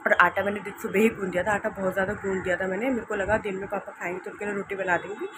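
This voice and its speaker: A young woman narrating her day in a casual home vlog, hoarse and tired, rambling softly and repeating herself. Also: mid-range voice, steady tone, racing. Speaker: vlogger. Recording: noisy home recording.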